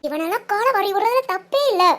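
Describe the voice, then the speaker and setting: A voice actress doing a very high teasing village girl. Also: animated, fast talker. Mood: playful scheming. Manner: teasing, chatty. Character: playful teasing young village woman. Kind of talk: Tamil cartoon voice acting.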